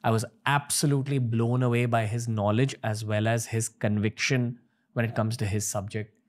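A young man from India hosts a podcast from a studio set. He talks earnestly into a desk mic, steady and measured, and trails off quietly at the end of his phrases. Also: mid-range voice. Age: young adult. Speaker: podcast host. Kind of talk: podcast interview and intro monologue. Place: studio set with shelves, indoors. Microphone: desk-mounted podcast mic.

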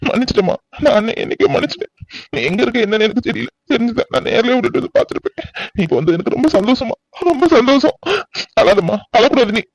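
A man plays a kind-hearted brother in an animated drama, reassuring his sister and telling her not to cry. His voice is fairly high and brisk. The recording is dry and close. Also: no echo. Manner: soothing, warm-hearted, reassuring. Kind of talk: cartoon voice acting.

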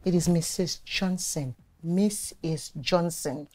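An actress playing a proud, sharp-tongued widow with a Nigerian English accent, answering with cutting scorn. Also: female voice, deep voice, moderate pace. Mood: scornful. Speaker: widow, homeowner. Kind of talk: film drama dialogue.

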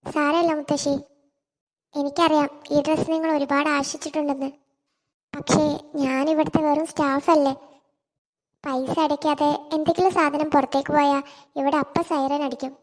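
A woman voicing a polite young shop assistant in an animated cartoon, talking slowly and apologetically. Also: sits high, big-room sound, lightly acted. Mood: apologetic.

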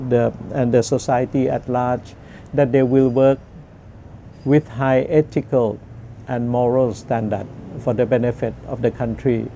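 A man in his sixties with a Thai accent gives earnest political commentary in deliberate short phrases with pauses, speaking into a lapel mic. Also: medium pitch, creaky, dark tone. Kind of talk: measured monologue commentary to camera. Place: outdoors on a garden bench. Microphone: lapel microphone. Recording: outdoor ambient noise.

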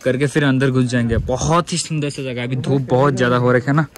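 A man's voice: mid-range voice, steady tone, fast, crowd noise. A young man chatting casually to viewers in a travel vlog, recording on a handheld phone in a car and outdoors. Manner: chatty, addresses viewers as guys, upbeat. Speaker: travel vlogger. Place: inside a car, then outdoors at a scenic viewpoint. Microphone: phone camera held at arm's length.

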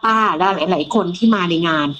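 A middle-aged woman from Thailand tells a ghost story from her own life in a lively way. She acts out the voices of the people in it. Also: lowish voice, a little fast, a little hiss or hum, poor audio. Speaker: guest storyteller.

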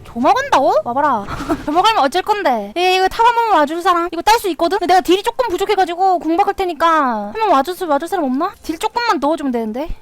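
A young woman with a very high voice gives live commentary while she plays a game. She chatters to herself and keeps breaking into excited shouts at the action. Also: quick pace, few pauses. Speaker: game streamer.

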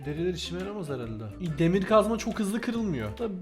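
A young man with a high voice talks quickly through a let's play, reacting out loud and chatting to his viewers. He speaks at a desk mic, with faint music playing under his voice. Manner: excitable, talks to himself and viewers, startled outbursts. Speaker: gaming YouTuber.

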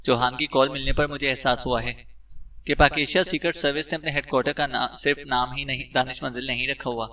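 Guy voicing a shrewd spy boss, brisk and bossy, a bit off-mic. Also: mid-range voice, fairly even intonation, fairly bright tone, distant mic, natural voice, low-quality recording. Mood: thoughtful. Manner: brisk and commanding. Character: shrewd male secret service chief giving orders.

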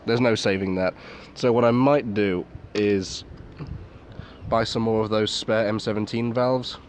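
In a noisy outdoor recording made in a garden at night, a man casually reviews a military surplus gas mask without a script. His voice is fairly low, his intonation fairly even, and his pace measured, while his understated style includes swearing and muttered asides.

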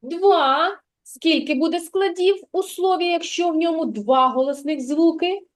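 A woman teaching a preschool literacy lesson, speaking in a patient, sing-song way and drawing words out for a child. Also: very high-pitched. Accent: Ukrainian. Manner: drawn-out, sing-song word modelling for a child. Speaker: kindergarten teacher.

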